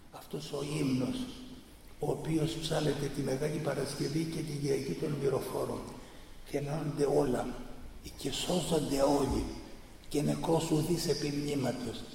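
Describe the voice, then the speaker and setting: A man's voice: on the high side, creaky, dark tone, recorded from a distance, a little hiss or hum. Fervent man lecturing in an echoey hall. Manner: fervent, emphatic, piles up repeated phrases. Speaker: speaker giving a talk on church tradition. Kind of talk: impassioned public lecture.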